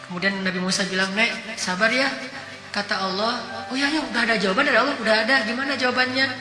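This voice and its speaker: A man giving a casual, lively sermon, telling stories and playfully acting out the dialogue. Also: very high-pitched, fast talker. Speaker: preacher. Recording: echoey hall with music behind.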